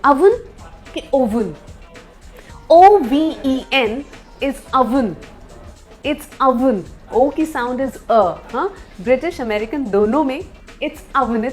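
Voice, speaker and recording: A young woman with an Indian accent giving a casual spoken lesson on English pronunciation. She spells words out letter by letter and teases her listeners with joking asides. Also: high voice.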